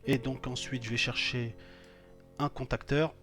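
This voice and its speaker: A man's voice: mid-range voice, steady tone, unhurried, bright, forceful tone, faint music behind. A man teaching electrical wiring, walking through each step on screen as he clicks, with many hesitations and fillers. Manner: thinks aloud while clicking, many fillers. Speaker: electrical instructor. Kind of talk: screen-recorded software tutorial.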